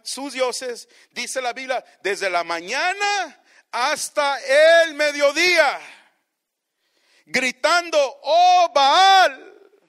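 A man preaching a sermon, addressing the congregation as brothers, swinging from quiet low asides to loud shouted climaxes.

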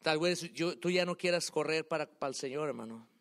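A man preaching a sermon to his congregation, swinging between loud calls and quiet asides, dropping English words into his speech. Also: fairly high pitch, fairly quick. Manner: rises and drops in loudness, mixing English words in.

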